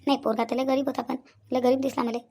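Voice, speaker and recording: A woman's voice: sits high, flat delivery, fast talker, vocal fry, mellow. A woman voicing a worried elder sister with a Vidarbha Marathi accent, thinking aloud and repeating herself. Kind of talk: cartoon voice acting.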